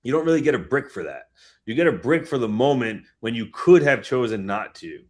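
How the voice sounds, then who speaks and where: A man's voice: mid-range voice, lively intonation, brisk. A man coaching a group on a call, emphatic and motivational, swearing freely. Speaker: fitness coach.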